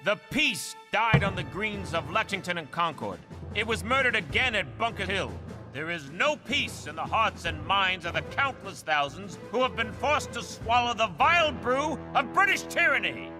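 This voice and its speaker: Fiery high-pitched colonial patriot. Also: male voice, lively intonation, moderate pace. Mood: fiery, indignant. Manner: rhetorical, combative oratory. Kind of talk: animated history cartoon acting. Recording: music behind the voice.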